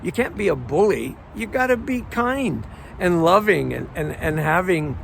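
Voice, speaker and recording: A man coaches his listeners in an earnest, encouraging motivational talk. His voice sits fairly high and has a gravelly, fry-edged texture, and he often repeats words and stretches phrases for emphasis. Faint outdoor traffic noise runs behind him. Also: expressive, measured pace. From Croatia. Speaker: life coach. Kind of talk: motivational monologue.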